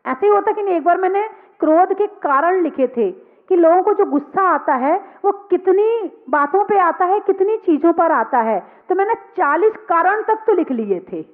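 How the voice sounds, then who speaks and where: A woman's voice: extremely high pitch, expressive, normal speed. A woman, a Jain nun, giving a sermon, asking her listeners questions and answering them herself, repeating key words. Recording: tinny phone-like sound.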